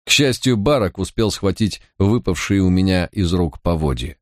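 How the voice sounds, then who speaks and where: A man with a very deep voice reads an audiobook in a measured, even first-person narration. The recording is dry and intimate, with no room sound. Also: no echo.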